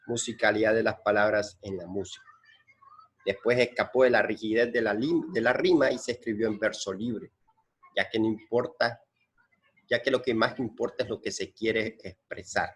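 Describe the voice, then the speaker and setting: A man's voice: on the low side, husky. A man teaching a lesson, patiently explaining and repeating points and counting syllables aloud. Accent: Central American Spanish.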